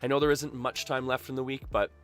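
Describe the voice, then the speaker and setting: A man's voice: medium pitch, level tone, quick pace, fairly bright tone, clean tone, faint music behind. A boisterous, chatty man from Canada hosting a casual livestream, talking with his viewers. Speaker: live game streamer and host. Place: small backyard shed used as a streaming room.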